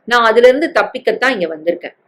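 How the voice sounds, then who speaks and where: A woman voicing a defiant young woman who stays calm and firm after a killing, in a read-aloud story. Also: on the high side, quick pace. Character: woman in her thirties, defiant killer who stays composed.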